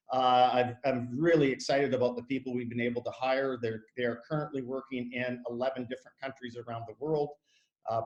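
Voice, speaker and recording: A man in his fifties talks through an online presentation, hesitant and full of small fillers and restarts. His voice sits at an ordinary middle pitch. It comes over a computer mic in a roomy, echoey room. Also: a little mellow. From Canada. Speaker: school head. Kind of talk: online information session.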